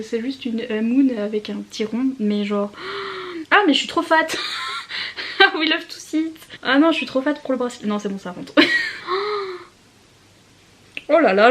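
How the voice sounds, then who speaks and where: Gushing young woman, slightly high voice. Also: a bit bright. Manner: gushing, giggly, mixes English words into French. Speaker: book vlogger. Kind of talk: excited unboxing chat.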